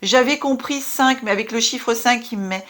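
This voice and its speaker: A woman's voice: on the high side, normal speed. Chatty French woman reading tarot cards. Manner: warm, chatty, many fillers and asides. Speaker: tarot card reader. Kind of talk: casual spiritual card reading.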